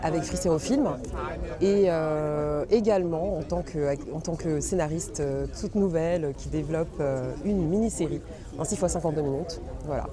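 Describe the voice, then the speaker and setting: A woman's voice: low voice, moderate pace. Woman, actress, interview, earnest, outdoors, crowd noise. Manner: earnest, with light laughs. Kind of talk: festival interview. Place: outdoors at a busy festival.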